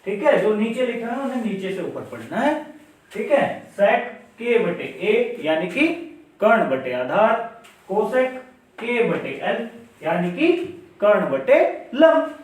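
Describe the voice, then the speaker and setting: Man, maths teacher, slow patient explaining, asks questions aloud, very echoey room, far from mic. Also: high voice, sing-song. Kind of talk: classroom lesson.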